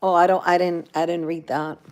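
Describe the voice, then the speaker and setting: Her voice is lowish and a bit mellow, level in tone and slightly quick, and the recording has its highs cut off. She's a Cuban-accented woman who grew up in Florida, running a casual livestream where she reads comments and rambles to viewers, talking to them directly and filling gaps with "um"s and "like"s.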